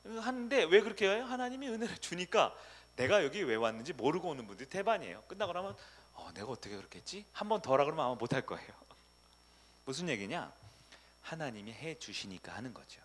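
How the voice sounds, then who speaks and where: A man's voice: on the high side, very animated, a little fast, a bit bright. A man preaching a sermon as pastor at a prayer meeting, asking the congregation questions and answering them himself.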